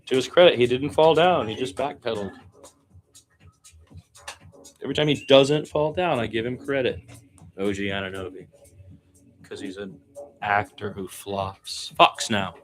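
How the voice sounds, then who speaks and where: A man with a medium-pitched voice gives conversational radio play-by-play of a basketball game at a moderate pace. He blends running calls of the live action with opinionated asides, and faint music plays behind him.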